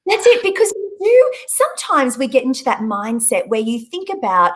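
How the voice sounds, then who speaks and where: A woman's voice: sits high, huge pitch swings, normal speed, a bit bright. Effusive woman hosting. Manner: upbeat, effusive. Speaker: host. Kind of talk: live online interview.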